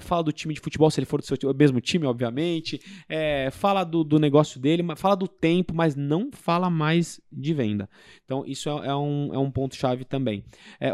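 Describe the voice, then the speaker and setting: A man talks through sales techniques in an emphatic, explanatory way. His voice sits a little high. The sound is dry and close. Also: darkish tone, dry recording. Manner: explanatory, emphatic, practical examples. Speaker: business guest. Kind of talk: casual sales advice talk.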